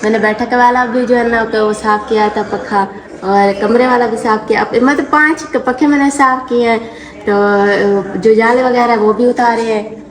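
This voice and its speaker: A woman's voice: on the high side, fairly even intonation, measured pace. Hesitant Pakistani woman talking about chores. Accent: Pakistani Urdu. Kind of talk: casual family vlog chat.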